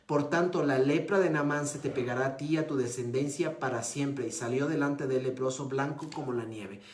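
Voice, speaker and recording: A man preaching a sermon, retelling a scripture story with lively swings in his voice and dropping to a hushed low tone for emphasis. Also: normal speed. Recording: echoey room.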